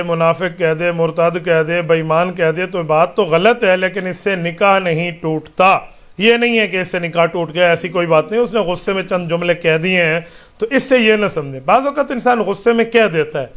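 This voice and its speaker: A man with a high-pitched voice answers religious questions as a mufti. He speaks with emphasis, asking rhetorical questions and stacking phrases one after another.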